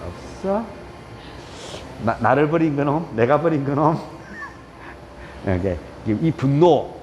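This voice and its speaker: A man leads a live yoga class, his voice sitting a little high. He chats, teases his students and counts through each pose aloud. The sound carries a long echo from the studio, with faint room ambience behind it. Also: slight background noise. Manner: chatty, teasing, counts poses aloud. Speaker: yoga instructor.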